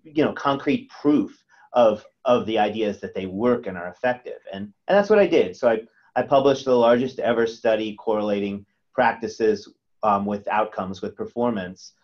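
A man's voice: fairly low pitch, normal speed, highs cut off. A man speaking as a guest in a webinar over a video call, often repeating words as he restarts. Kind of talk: webinar presentation. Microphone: webcam on video call.

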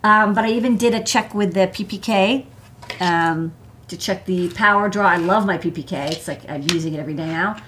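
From her indoor desk workspace, a woman in her thirties or forties, an American electronics engineer, rambles through a relaxed live hardware show-and-tell, sprinkling in "like" and "you know". She talks fairly quickly in a lowish voice over a noisy background.

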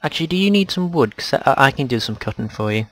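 A man with a mid-range voice chats easily with a friend while they play a game. He laughs often and keeps his replies short and relaxed. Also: medium pitch, fast, no echo. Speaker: co-player. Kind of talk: casual chat while gaming.

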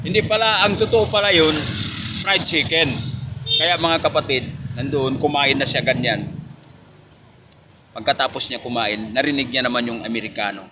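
A man's voice: medium pitch, moderate pace, pauses often. A man from the Philippines hosting a joke segment, telling a story casually and tossing in a questioning "ha?" between lines. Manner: keeps adding a questioning "ha?"; chuckles at his own jokes. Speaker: joke teller and host. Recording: noisy with passing vehicles.

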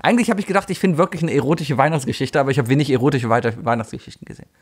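A man's voice: mid-range voice, racing, husky. A man hosting a podcast, reading a story aloud and chatting, who keeps giggling and stumbling. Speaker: podcast host. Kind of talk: casual chat and story reading.

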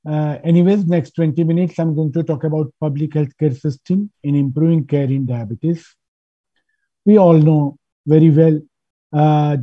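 A man delivers an unhurried lecture, pausing on fillers as he explains. His slightly high, husky voice reaches us from far away over a video call, caught in a screen recording. The audio is thin and narrow, like a phone line. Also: no room sound. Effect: remote voice over a video call, captured in a screen recording. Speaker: guest lecturer, diabetologist. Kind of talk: online conference lecture. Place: at home at night, far from the venue.

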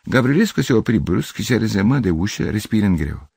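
Husky older man reading a story. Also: fairly low pitch, lively intonation, darkish tone, dry recording, studio quality. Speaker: audiobook reader. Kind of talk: literary audiobook narration.

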